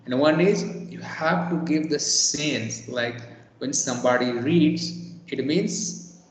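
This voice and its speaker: A man's voice: fairly high pitch, slow. A man tutoring a student in on a video call, patiently explaining and repeating words to model their sound. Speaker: English teacher. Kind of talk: online one-on-one tutoring. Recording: echoey, dull video call audio.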